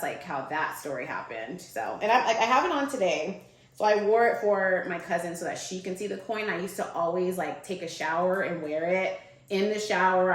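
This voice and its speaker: Low-voiced woman telling a story, echoey room. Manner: animated, mimics quoted people in a higher voice. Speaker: guest. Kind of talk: casual storytelling.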